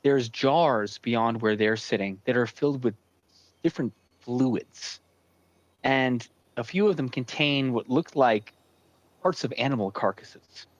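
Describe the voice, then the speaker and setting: A man acts as dungeon master for a tabletop role-playing game, describing scenes deliberately and leaving pauses between phrases. His pitch is medium, and the high frequencies in the audio are cut off.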